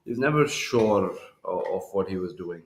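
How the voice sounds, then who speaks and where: A man's voice: low-pitched, animated, moderate pace, reverberant. A man working as a golf commentator, hosting live tournament coverage from a studio. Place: broadcast studio.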